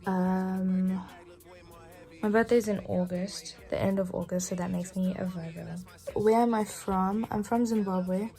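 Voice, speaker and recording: A 21-year-old woman, chatting casually through a makeup tutorial in a relaxed, often half-whispered way. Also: mid-range voice, measured pace, soft background music. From England. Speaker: beauty vlogger.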